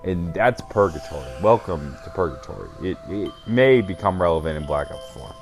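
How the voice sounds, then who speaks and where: Drunk, rambling man, swinging low pitch. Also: expressive, normal speed, soft background music. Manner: emphatic, profane, loses track and corrects himself. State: very drunk, burping. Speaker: host retelling a video game storyline. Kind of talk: rambling casual comedic retelling.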